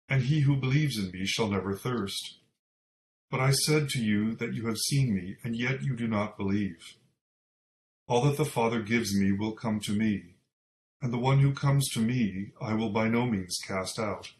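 A man reading a scripture lesson aloud and giving the responses at a church service, measured and solemn, heard in a cathedral echo. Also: mid-range voice, a little hiss or hum. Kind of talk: formal liturgical scripture reading. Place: large church. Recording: echoey church with faint ambience.

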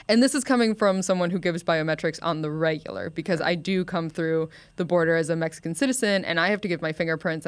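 Blunt, low-voiced woman, dry recording. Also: clear, resonant tone, no echo. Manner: blunt, opinionated. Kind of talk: casual discussion.

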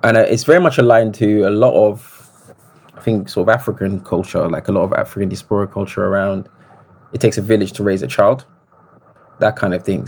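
Husky-voiced man, reflective. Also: lowish voice. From Congo. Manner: reflective, animated storytelling with restarts. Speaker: podcast guest. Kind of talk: casual interview conversation.

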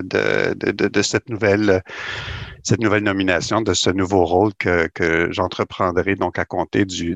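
A middle-aged man from Quebec, sounding like a university administrator interviewed on radio, explains his work unhurriedly in a low, gravelly, slightly bright voice. He's hesitant, with many "euh" fillers and repeated words. The recording is dry and close, with no room sound.

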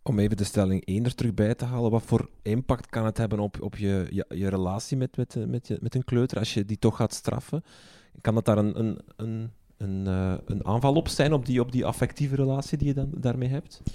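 A male moderator puts questions to a panel, repeating words as he searches for them. His voice is low and dark, and the sound is dry and close. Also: a little fast, no room sound. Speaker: host, moderator.

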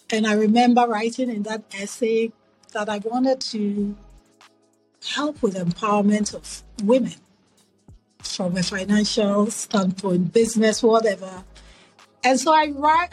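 A woman's voice: mid-range voice, low-quality recording. A middle-aged woman from Ghana, interviewed as a guest, telling stories about her upbringing in a reflective, earnest way with frequent restarts over a remote call. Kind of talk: conversational storytelling.

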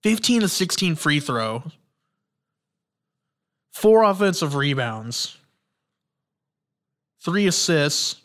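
A man's voice: fairly high pitch, sing-song, takes it slowly, pauses often, fairly bright tone. A man hosting a casual solo sports podcast. He tells stories with enthusiasm and rambles, often restarting sentences and using fillers. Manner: enthusiastic storytelling. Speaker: podcast host.

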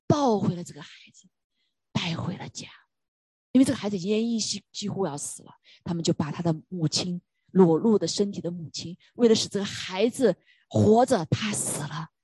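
A woman's voice: mid-range voice, a little mellow, breathy edge, dry recording. A woman preaching a sermon, telling a story with emphatic rhetorical questions.

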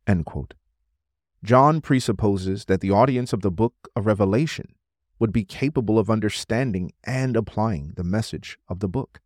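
A man reading a scholarly religious text aloud as scripted narration, in a formal, measured manner. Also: lowish voice, a little mellow, no echo, studio quality. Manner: formal, measured, announces quotations.

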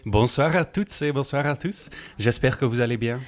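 A man's voice: mid-range voice, moderate pace. A man co-hosting a live radio show, greeting listeners and announcing the schedule politely into a studio microphone. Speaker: radio co-host.

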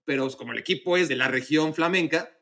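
A man's voice: a little high, quick pace, fairly bright tone. A man co-hosting a podcast, chatting casually about football and explaining things at length with many restarts. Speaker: podcast co-host.

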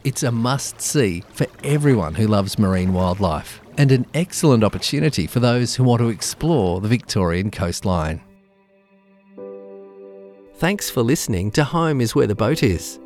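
A man narrating a scripted podcast in a nature documentary style, with a measured, informative delivery. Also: mid-range voice, expressive, darkish tone. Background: background music.

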